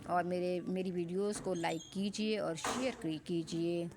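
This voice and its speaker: A woman Quran teacher giving a tajweed lesson, explaining patiently and spelling out syllables slowly before reciting them. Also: on the low side, steady tone, very noisy.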